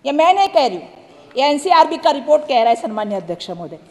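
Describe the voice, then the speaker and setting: A woman delivers an emphatic parliamentary speech in a high voice, returning again and again to address the chair. Her words ring out in a large chamber with a long, echoey reverb. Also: sing-song, fast, darkish tone. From Maharashtra. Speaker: member of parliament.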